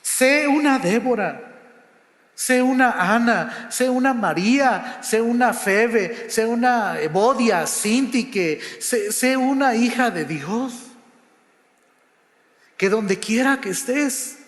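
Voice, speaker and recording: Preacher in an echoing hall. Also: male voice, expressive, takes it slowly. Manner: dramatic, acts out quotes, drops to hushed low voice. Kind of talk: sermon. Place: church sanctuary. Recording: roomy hall with long reverb.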